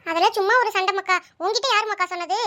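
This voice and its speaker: A woman voicing a caring, hurried village mother who speaks. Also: extremely high pitch, fairly even intonation, sharp tone. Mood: soothing. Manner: fond, soothing village speech.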